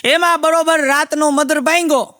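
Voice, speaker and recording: A man telling a long joke with lively storytelling. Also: very high-pitched, normal speed, dry recording, studio quality. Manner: lively storytelling, voices rising for punchlines. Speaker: stand-up comedian.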